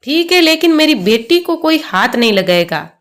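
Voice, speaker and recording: A woman's voice: high voice, normal speed. A woman voicing a firm, protective young mother. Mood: resolute. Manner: calm, resolute, pleading.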